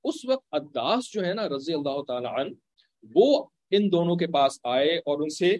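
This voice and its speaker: Guy retelling a religious story like he's chatting, keeps going "right?" at listeners, throws in english words, voice sits a bit high, dry sound. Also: lively intonation, a little slow, darkish tone, dry recording.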